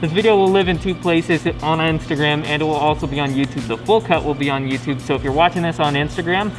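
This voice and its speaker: A man's voice: a little high, fast. A man hosting a casual question-and-answer video, chatting informally and often tagging sentences with questions. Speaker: company video host. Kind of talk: casual scripted-outline Q&A to camera. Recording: steady music behind the voice.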